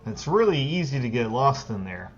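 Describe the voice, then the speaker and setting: A wary human city guard, as a game master puts him on, hesitant and apologetic, every word a little reluctant. He sits at an everyday middle pitch, and the sound is dull and lo-fi, like a voice chat. Tabletop role-play. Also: sing-song, moderate pace, faint music behind. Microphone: online voice chat.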